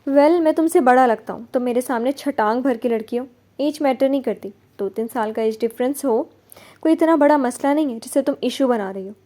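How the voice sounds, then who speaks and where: Lady narrator putting on a stubborn, cheeky young guy in love, teasing and overconfident, kinda high and mellow in her reading of a novel. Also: a little fast, natural voice. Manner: playful and stubborn. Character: bold, teasing, confident young man in love.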